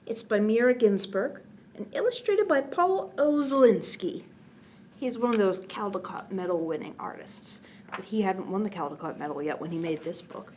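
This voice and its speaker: Gently reading a picture book at a children's bedtime storytime, a woman speaks at medium pitch with lively intonation and moderate pace, offering casual asides and often falling to a near-whisper. A little hiss or hum can be heard.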